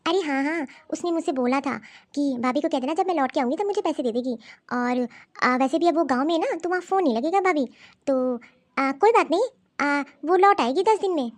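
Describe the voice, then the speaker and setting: Cartoon sister-in-law, scheming, bossy, high voice, performed by a woman. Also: brisk, lightly acted. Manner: sly, coaxing, bossy. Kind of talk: animated cartoon story voice acting.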